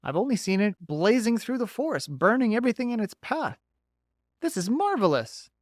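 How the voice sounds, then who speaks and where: A man's voice: sits high, big pitch swings, moderate pace, a little mellow, no room sound, clean studio sound, voice pushed up. A man voicing a friendly, talkative male beaver who eagerly gives folksy advice in an audiobook. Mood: chatty. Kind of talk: audiobook character voice.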